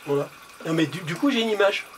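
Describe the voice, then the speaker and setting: A man's voice: on the high side, expressive, quick pace. A middle-aged photographer muttering to himself as he works, casually swearing, picked up by a camera mic. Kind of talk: muttered working commentary. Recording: loud background noise.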